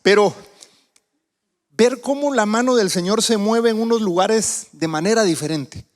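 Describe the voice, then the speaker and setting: A man from Guatemala gives a sermon in a church, his high voice ringing out with a long reverb. He talks in a loose, conversational way and keeps asking the congregation questions. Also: measured pace. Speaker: visiting preacher. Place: church sanctuary.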